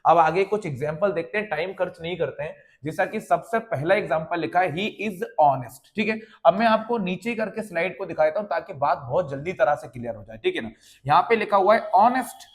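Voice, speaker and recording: A man's voice: high-pitched, lively intonation, a little fast. A male English grammar teacher with a Hindi accent, explaining examples from slides to students in a classroom lesson style. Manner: addresses students as dear children, repeats "ठीक है ना".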